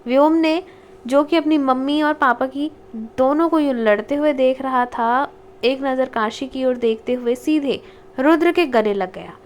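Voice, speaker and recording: Female audiobook narrator for a romance story, steady storytelling, somewhat high voice. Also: measured pace. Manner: steady storytelling, reads dialogue tags.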